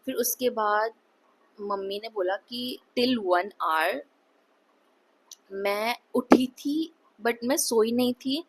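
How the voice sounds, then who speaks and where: A woman's voice: mid-range voice, slight background noise. Young woman, casual storytelling, vlog, tense retelling, mixes in English words, fillers and restarts. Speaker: vlogger.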